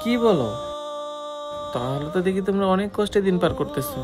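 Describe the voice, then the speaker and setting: A man playing a kind, generous stranger who speaks softly and fatherly to two poor little sisters, in a scripted web drama. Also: sits high, lively intonation, a little fast, music in the background. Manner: soft, coaxing, fatherly. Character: gentle, generous adult man, fatherly to children.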